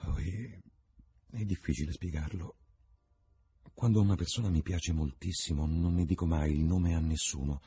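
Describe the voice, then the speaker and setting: Man voicing a painter, earnest and secretive, dark husky low voice. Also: normal speed. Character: earnest young male painter, troubled and secretive.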